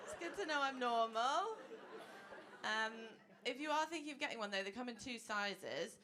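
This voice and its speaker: A woman's voice: on the high side, expressive, moderate pace, a crowd in the background. Laughing woman comedian on a club stage. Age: 30s. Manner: chatty, self-mocking, laughing through jokes. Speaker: stand-up comedian. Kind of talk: stand-up comedy set. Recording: noisy live club recording.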